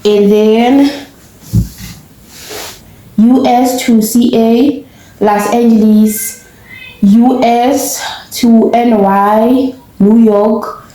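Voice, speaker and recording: This is a young woman with a South African accent, chatting to her audience in a casual vlog. Her voice is mellow and her delivery measured. The sound carries a noticeable room echo. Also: on the high side, fairly even intonation. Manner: earnest and grateful, talks to viewers directly. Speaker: vlogger. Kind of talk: casual vlog talk to camera. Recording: roomy echo.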